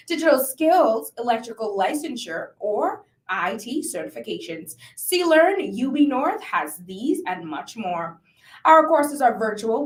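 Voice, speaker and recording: A woman announcer reading scripted promotional announcements in an upbeat, enunciated way. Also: on the high side. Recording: echoey room.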